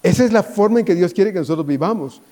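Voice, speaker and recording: A man preaching a sermon as pastor, pleading and dropping to a hushed voice at times. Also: high-pitched, expressive, fast talker.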